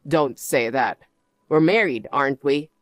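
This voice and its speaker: A man's voice: mid-range voice, lively intonation, a little slow, no room sound, natural voice. A man playing a cowardly cheating husband in a story drama, whiny and pleading.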